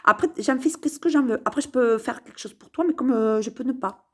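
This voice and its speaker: Her voice is fairly high and a little mellow, and she talks fast. The vlogger muses casually to camera from her home sofa, wandering along with lots of hesitations and repeated words.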